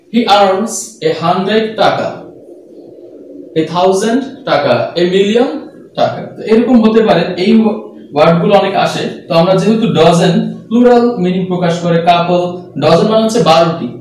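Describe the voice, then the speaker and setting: A man teaching English grammar rules to students, patiently repeating the key points and reading examples slowly. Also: sits high, a little mellow, a little hiss or hum. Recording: very echoey room, voice from a distance.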